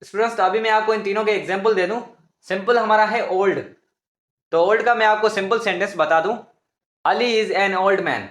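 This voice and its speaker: A man's voice: high voice, fairly even intonation, fast, a bit bright, reverberant. A man teaching English grammar in a patient, repetitive lesson, often calling his viewers students. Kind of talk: explanatory classroom lesson.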